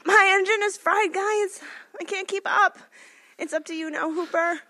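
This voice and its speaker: An overwhelmed cartoon sidekick with a failing engine played by a woman. The voice is extremely high and bright. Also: fairly even intonation, normal speed. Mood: strained despair.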